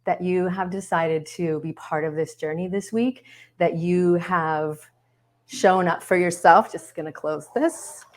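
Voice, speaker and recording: A woman hosting a live online workshop from home, chatting upbeat with viewers in the comments over a webcam. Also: deep voice. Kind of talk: casual livestream hosting. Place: home, yard work heard outside.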